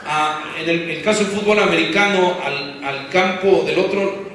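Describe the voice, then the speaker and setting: Heard from far off in an echoey church hall with faint background noise, a pastor delivers an emphatic sermon. He questions the congregation throughout and uses football comparisons, his high-pitched, fairly bright voice moving at a moderate pace.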